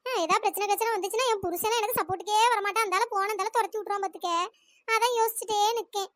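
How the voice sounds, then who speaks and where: Brief: a performer doing squeaky, fast-talking greedy village women, dry close mic. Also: female voice, steady tone, a bit bright, no room sound. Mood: worried. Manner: nagging, teasing, shrill calls. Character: bickering, greedy village women after palm fruit. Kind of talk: cartoon voice acting.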